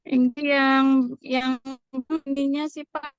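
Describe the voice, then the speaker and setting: A woman asks a question slowly and haltingly, in a high voice. Her online call keeps breaking up. The audio is dull and lo-fi, with faint music behind her. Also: level tone, no echo. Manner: hesitant, searching for words. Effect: choppy, cutting-out call connection. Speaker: student asking a question.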